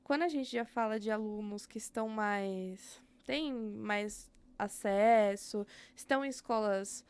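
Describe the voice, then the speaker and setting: A young woman's medium-pitched voice comes through clear and resonant, at a measured pace with few pauses. She's a podcast guest with a Brazilian Portuguese accent, candidly describing her educator work in a casual interview. Fillers crop up often as she thinks aloud.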